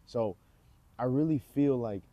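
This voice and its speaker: A man's voice: mid-range voice, measured pace, no room sound, highs cut off. A man, rambling casually outdoors as he introduces himself in a vlog. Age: 20s. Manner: relaxed, rambling, lots of fillers. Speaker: vlogger. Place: outdoors, rain nearby.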